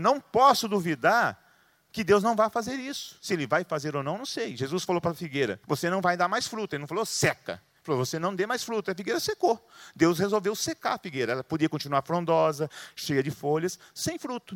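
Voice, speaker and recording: A man's voice: on the high side, fairly bright tone, dry recording, studio quality. A middle-aged man with a Brazilian Portuguese accent, preaching a sermon as pastor with emphatic rhetorical questions. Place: church in Londrina, Brazil.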